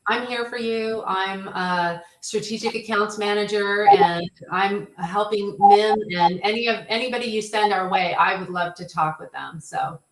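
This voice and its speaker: A woman's voice: mid-range voice, unhurried, few pauses, background noise. A woman who works as an accounts manager, speaking as a webinar guest over a video call in a friendly, reassuring way. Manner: friendly, reassuring sales talk. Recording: roomy echo.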